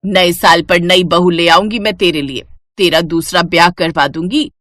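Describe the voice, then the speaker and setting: A woman's voice: lowish voice, steady tone, normal speed, a bit bright, no room sound, clean studio sound, lightly acted. A woman voicing a harsh old grandmother in a cartoon story, scolding with contempt. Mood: contemptuous.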